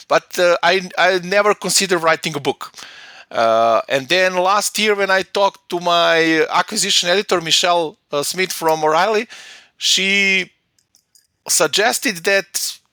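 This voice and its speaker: A man's voice: high voice, bright, forceful tone, smooth, no room sound. A man from Serbia, a guest in a conversational interview, talking hesitantly with many fillers and restarts. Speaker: guest, data platform consultant.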